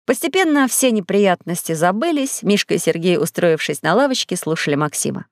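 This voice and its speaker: A woman narrating a children's audiobook in a clear, even reading voice into a studio microphone. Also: fairly low pitch, a little fast, no room sound. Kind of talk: scripted storybook narration.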